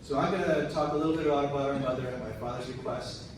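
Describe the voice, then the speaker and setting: A man delivering a prepared eulogy in a tender, measured way, with deliberate pauses. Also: medium pitch, fairly even intonation. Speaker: son giving a eulogy. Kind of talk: prepared memorial speech. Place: large room at a memorial service. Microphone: picked up from a distance. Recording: very echoey, distant, noisy hall.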